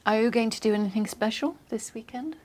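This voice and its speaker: A woman's voice: a little high, darkish tone. Formal woman examiner giving instructions. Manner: formal, measured, polite. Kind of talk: scripted exam instructions.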